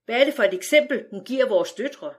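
A woman voicing a calm, stern father from the 1910s who speaks in a measured, dismissive way as she reads a storybook aloud. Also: fairly high pitch, husky.

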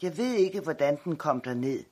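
A man's voice: fairly high pitch, animated, darkish tone. A man doing an eager chattering young girl. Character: young girl, lively sister.

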